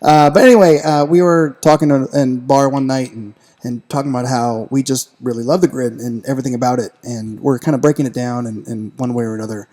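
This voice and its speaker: Mellow-voiced enthusiastic podcast co-host man. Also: mid-range voice, fairly even intonation, brisk, hardly any pauses. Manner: enthusiastic, jokey, many fillers. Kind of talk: casual podcast chat.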